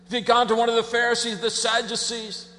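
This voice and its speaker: A male pastor preaching a sermon, dramatic, swinging between hushed tones and shouts. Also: very high voice, level tone, fairly quick, long reverb tail.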